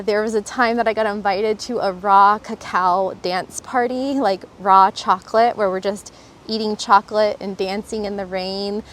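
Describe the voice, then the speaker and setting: A woman from Florida, a travel vlogger, talking earnestly and enthusiastically in a casual reflective vlog, recorded outdoors. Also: medium pitch. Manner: earnest and enthusiastic, with some fillers.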